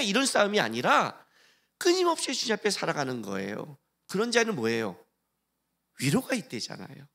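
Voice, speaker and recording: Male pastor, high-pitched and very expressive, preaching in a church, full of rhetorical questions. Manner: animated preaching, acting out quoted voices and rhetorical questions. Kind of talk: sermon. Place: church sanctuary.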